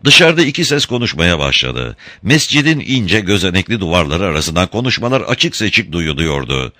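Deep-voiced man narrating an audiobook. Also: sing-song, normal speed, sharp tone, dry recording, clean studio sound.

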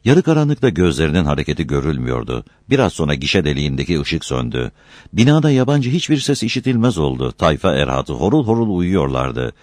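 A deep-voiced man reads a novel aloud with a measured, storytelling delivery. His pitch moves lively across the phrases, and the recording is dry and close to the mic. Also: no echo. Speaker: audiobook narrator.

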